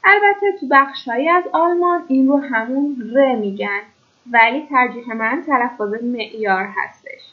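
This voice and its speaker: Lady teaching german pronunciation, pretty high voice, slows right down on example words, kinda muffled lo-fi audio. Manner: slow, drawn-out model words between brisk explanations. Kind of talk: pronunciation lesson. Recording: dull lo-fi recording.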